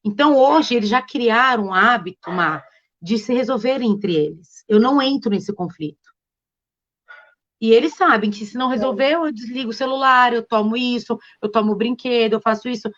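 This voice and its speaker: A woman's voice: fairly high pitch, moderate pace, a bit bright. A woman, a guest on a live stream, telling stories earnestly and acting out what she says to her children. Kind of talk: casual live-stream conversation. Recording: dull lo-fi live-stream audio.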